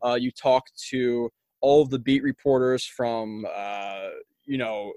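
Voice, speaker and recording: A man's voice: mid-range voice, level tone, slow, dark tone, no room sound. A young man hosting a sports podcast in a casual, rambling, informal and mildly salty way. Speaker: podcast host.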